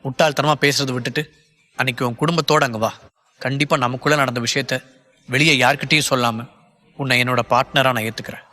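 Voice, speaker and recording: A man's voice: medium pitch, fairly even intonation, quick pace, bright, forceful tone, big-room sound, close to an everyday voice. A man voicing a cornered young man who pleads with his lover to trust him, in an audiobook. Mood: firm. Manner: earnest, pleading, reassuring.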